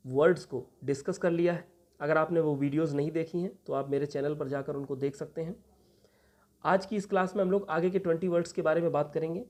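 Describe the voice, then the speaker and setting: Young male teacher, a little high and mellow, patient and repetitive exam-prep delivery. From India. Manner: patient, repeats each meaning and spells words out. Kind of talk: exam vocabulary lesson.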